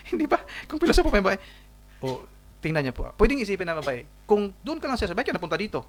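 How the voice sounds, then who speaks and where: Emphatic Filipino preacher mixing Tagalog and English. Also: male voice, high voice, huge pitch swings, racing, a little hiss or hum. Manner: mixes Tagalog and English, rises to emphatic peaks; addresses the congregation directly with rhetorical questions. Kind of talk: sermon.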